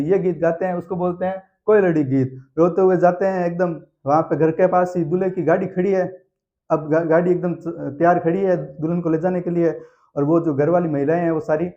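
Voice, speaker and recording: High-voiced teacher. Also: male voice. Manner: animated storyteller who acts out aunts and sings snatches of songs; repeats key answers like a drill. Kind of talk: exam-prep lesson with storytelling. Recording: slightly dull lo-fi recording.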